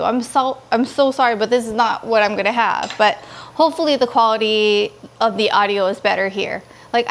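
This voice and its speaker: Expressive higher-pitched woman vlogger chatting. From California. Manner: expressive, pleading and gushing, quotes others in dialogue. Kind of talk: casual chatty vlog.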